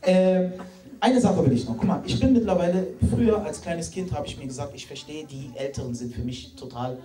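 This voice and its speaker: A man in his late twenties does stand-up on a hall stage, talking straight to the crowd in a chatty way full of fillers and restarts. His voice is fairly high, mellow and a little fast. The recording is echoey, with the mic far off and the crowd laughing.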